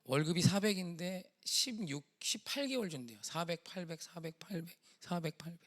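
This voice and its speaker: A man's voice: fairly high pitch, animated, moderate pace, fairly bright tone. A male pastor preaching a sermon, impassioned and rising to pleading cries.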